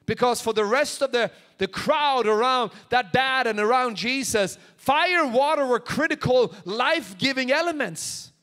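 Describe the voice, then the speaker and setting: A man's voice: very high-pitched, moderate pace, few pauses, fairly bright tone. A man in his forties from Sweden, preaching a sermon on a large church stage into a handheld microphone, acting out prayers and quotes with rising intensity. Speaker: pastor.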